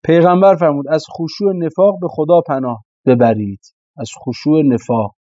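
A man's voice: fairly high pitch, mellow, no echo. A man giving a religious sermon, stressing points with rhetorical questions and repeated phrases. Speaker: preacher. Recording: slightly dull, dry lo-fi recording.

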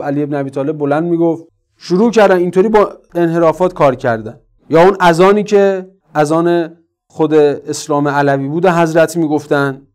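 A man delivers a religious sermon in a fairly high voice. He speaks earnestly, pressing his points with rising emphasis as he exhorts his listeners. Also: darkish tone, smooth. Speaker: preacher.

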